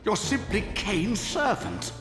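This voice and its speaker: A high-voiced scheming old sorcerer. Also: male voice, huge pitch swings, slow pace, exaggerated voice. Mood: indignant. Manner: theatrical, reproachful, wheedling. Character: scheming old male sorcerer, manipulative, pleading and indignant. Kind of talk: dramatic video game voice acting. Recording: echoey hall reverb, music behind.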